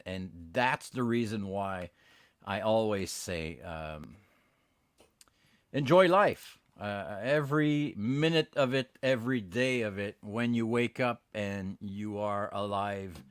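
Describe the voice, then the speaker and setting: A man with a Quebec French accent, a native French speaker, hosting a casual bilingual podcast and switching between English and French in an animated, hesitant way. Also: on the low side, slow pace, smooth, no room sound. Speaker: podcast host.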